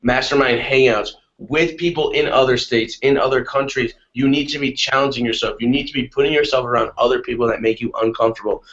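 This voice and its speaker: A man in a casual motivational talk on a webinar call, energetic and repetitive, often asking "right?". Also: medium pitch. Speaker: guest on a webinar. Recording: dull lo-fi webinar audio.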